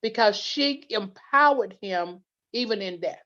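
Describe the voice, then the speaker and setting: Her medium-pitched voice is bright and forceful with lively intonation, moving a little slowly as this woman, a legal plan representative, tells earnest stories as an interview guest. She restarts often, and the recording has a dull lo-fi quality.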